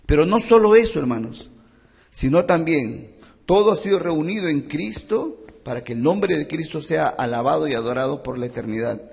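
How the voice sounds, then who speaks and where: Impassioned pastor, high lively voice. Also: male voice, moderate pace, creaky, big-room sound. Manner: impassioned, repeats phrases for emphasis. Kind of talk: sermon. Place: church.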